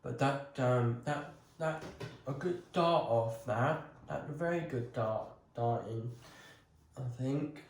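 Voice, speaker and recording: This man talks slowly and unhurriedly, pausing often with ums as he walks viewers through a hands-on craft project. His voice sits at an ordinary middle pitch. The sound is roomy, with noticeable echo off the walls. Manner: hesitant, many ums, talks himself through each step. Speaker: crafting vlogger. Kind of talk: casual talk while working on a bonsai.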